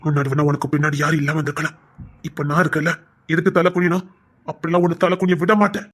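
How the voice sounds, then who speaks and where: A man with a Tirunelveli Tamil accent performing a dramatic story, moving between hushed whispers and angry shouts. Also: a little high, little pitch movement, fast talker. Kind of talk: dramatic audio story acting.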